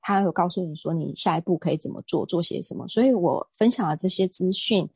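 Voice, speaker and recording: A woman, a guest on an interview show, telling stories in an outspoken, animated way. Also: fairly low pitch, fast, creaky, breathy edge, no echo. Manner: outspoken, self-described fiery temper; animated storytelling. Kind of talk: casual interview talk.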